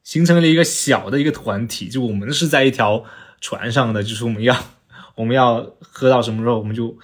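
Casual male co-host, slightly rough husky voice, feels his way through sentences. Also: medium pitch, brisk. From Chaoshan, southern China. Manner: hesitant, thinking aloud. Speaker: podcast co-host. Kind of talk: casual conversation.

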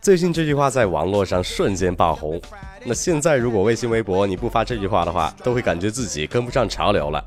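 Lively low-voiced man teaching English pronunciation. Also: faint music behind. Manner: lively, slow careful demonstration of words. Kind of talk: podcast pronunciation lesson.

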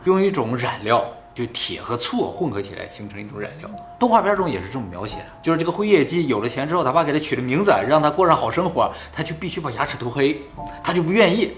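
A man hosting and telling old tales in a casual fireside storytelling manner, pausing for explanatory asides. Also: mid-range voice. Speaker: host and storyteller.

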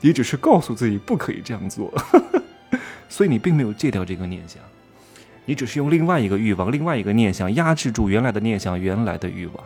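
A man with a low, gravelly voice and a lilt talks straight to his viewers. He teases them and keeps throwing out rhetorical questions. Soft music plays faintly under him. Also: sing-song, fast talker. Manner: provocative, rhetorical questions, teasing. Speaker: self-styled commentator. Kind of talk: casual monologue commentary.

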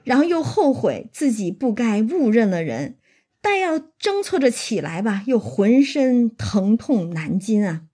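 A woman retelling a classic novel with lively, chatty asides to the listener. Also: a little high, unhurried. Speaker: storyteller and commentator on a classic novel. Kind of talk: casual retelling with commentary.

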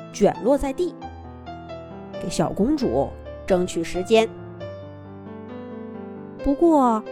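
A woman telling a children's fairy tale in an expressive, dramatic storytelling manner. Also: fairly high pitch. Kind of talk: scripted fairy-tale narration.

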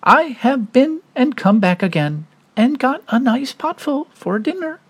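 A man doing a squeaky little pig. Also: very animated, unhurried, slightly rough, exaggerated voice. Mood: chirpy. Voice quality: high squeaky voice. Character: small clever male little pig, cheerful.

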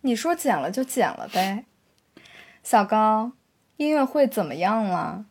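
A woman's voice: mid-range voice, very animated, a little slow, darkish tone, breathy edge. A woman co-hosting a podcast in casual chat, teasing her partner and laughing often. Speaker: podcast co-host.

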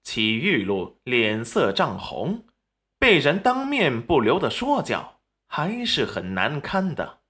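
A man narrating a web novel audiobook in a dramatic, animated manner. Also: medium pitch, slow.

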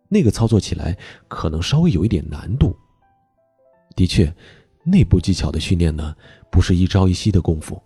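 A man teaching voice training in a recorded online lesson, explaining step by step and stressing key words with sudden jumps in pitch. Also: warm tone, husky, dry recording.

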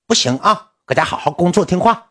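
A pushy young female assistant, as a male storyteller puts her on, chanting slogans in a voice pushed far above his own. She hammers each phrase in a shrill, driving pep-talk. The voice stays husky underneath. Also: expressive, fairly quick, fairly bright tone.

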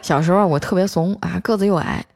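A woman's voice: lowish voice, fast talker, gravelly, darkish tone. Chatty young woman hosting a comedy show. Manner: chatty, playful, trails phrases with 啊. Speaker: podcast host. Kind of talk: comic storytelling and listener messages.

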